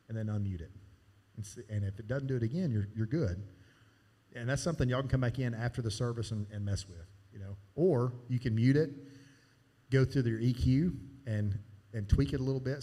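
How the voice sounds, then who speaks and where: In hands-on sound board training, a man shows a church team the controls in a loose, folksy way, talking as he demonstrates. His mid-range voice is mellow and dark, with a long reverb from the live sanctuary.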